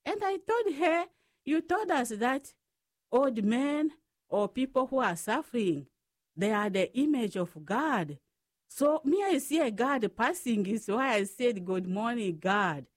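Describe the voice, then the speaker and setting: A Franciscan sister from the Democratic Republic of the Congo, speaking with a Congolese accent, shares personal stories as an interview guest in short, halting non-native English. Her voice is fairly high and animated, recorded in studio quality with no echo.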